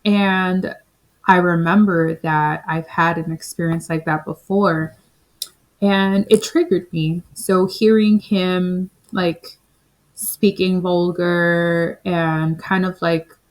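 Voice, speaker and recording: A woman's voice: fairly low pitch, fairly even intonation, slow pace, rough recording. A woman in her thirties from the Caribbean, telling a personal story in a chatty, reflective way, full of "like" and "you know". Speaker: spiritual vlogger.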